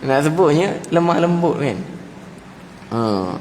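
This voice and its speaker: A male preacher with a Malaysian Malay accent delivers a casual, animated mosque lecture. He keeps turning to his listeners and playfully mimics greetings in high-pitched voices. His voice rings through a reverberant hall with faint room ambience underneath. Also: slow pace, slight background noise. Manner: repeatedly addresses audience as tuan-tuan.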